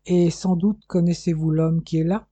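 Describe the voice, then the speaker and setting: A reader voicing a stern middle-aged male police chief who gives curt, brisk orders, in audiobook dialogue. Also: mid-range voice, little pitch movement, warm tone, no room sound, lightly acted.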